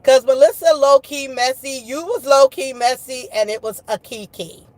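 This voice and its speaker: A woman with a fairly high voice and a dry, close sound talks casually to her livestream viewers. She is gossipy and slangy, swears freely and circles back to repeat phrases for emphasis. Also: moderate pace, no echo. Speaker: online streamer talking with live chat viewers.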